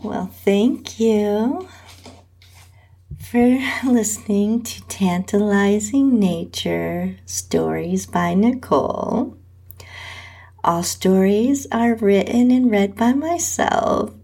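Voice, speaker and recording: This host narrates a scripted first-person erotic story in a mid-range, warm voice that is husky, breathy and creaky. She reads slowly, drawing words out and dipping into whispers.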